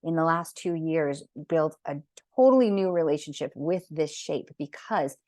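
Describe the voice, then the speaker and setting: A woman's voice: deep voice, normal speed, a little mellow, no echo, studio quality. A woman teaching a geometry class over a video call, talking in an enthusiastic, rambling way with many fillers and restarts. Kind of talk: online class talk.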